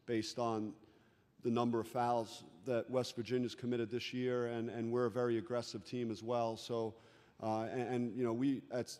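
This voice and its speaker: A middle-aged man, a head coach, answering reporters at a postgame press conference into a table microphone, measured and full of restarts and "you know" fillers. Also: mid-range voice, a little mellow. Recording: long reverb of a large room.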